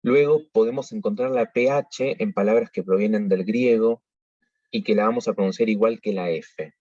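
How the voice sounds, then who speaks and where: A man teaching pronunciation in a measured, explanatory way, pausing often to think. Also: on the low side, dark tone, no echo. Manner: measured, explanatory, with frequent hesitations. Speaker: liturgical singing workshop teacher. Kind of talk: pronunciation tutorial. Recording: dull lo-fi recording.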